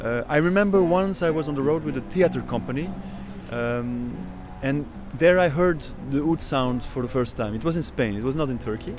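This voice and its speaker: Speaking at a moderate pace with hardly any pauses, a thirty-something man whose first language is Dutch muses through a documentary interview, hunting for words. He's an oud player with a medium-pitched voice, recorded over background music.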